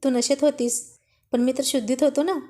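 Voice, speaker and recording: A woman voicing a playful, mischievous young husband in a spoken story, with a slow, teasing delivery. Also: sits high, fairly even intonation, mellow, natural voice.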